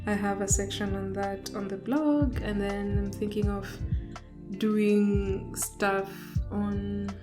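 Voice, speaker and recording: A woman's voice: medium pitch, steady tone, music in the background. A woman co-hosting a casual chat podcast, giving short, understated replies. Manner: slow, understated replies with frequent laughs. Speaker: podcast co-host.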